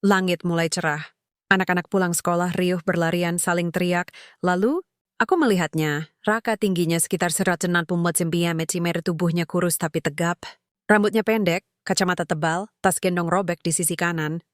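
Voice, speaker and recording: A woman telling a first-person story in a measured, emotional storytelling manner. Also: on the low side, steady tone, no room sound, studio quality. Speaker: narrator.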